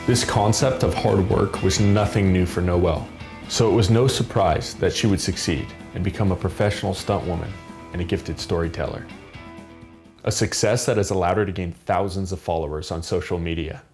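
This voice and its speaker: A man's voice: deep voice, fairly even intonation, normal speed, over music. A man narrating a documentary segment in an earnest, scripted voice-over. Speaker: host narrator.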